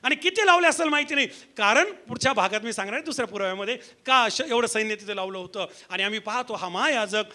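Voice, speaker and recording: A man's voice: sits high, lively intonation, quick pace, hardly any pauses, sharp tone. A male pastor preaching a sermon to a church congregation, leading call-and-response and firing rhetorical questions with emphasis.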